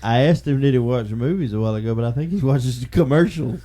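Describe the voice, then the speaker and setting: A man hosting a podcast in casual chat, with a relaxed Southern drawl, rambling and quick to laugh. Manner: laid-back, laughs easily, rambling pitches for support. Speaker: podcast host.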